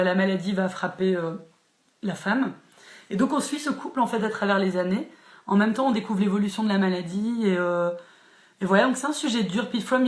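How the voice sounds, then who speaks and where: A woman who hosts a live book chat and talks casually with many fillers and restarts. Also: mid-range voice. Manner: chatty, frequent fillers and restarts, laughs easily. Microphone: phone or laptop live stream. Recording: echoey room.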